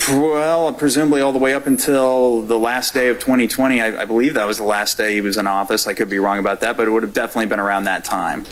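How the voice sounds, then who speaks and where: A man's voice: on the low side, steady tone, fast, hardly any pauses. A man testifying as a witness in a courtroom, giving polite, careful, qualified answers. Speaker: witness, deputy district attorney. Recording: faintly noisy courtroom audio.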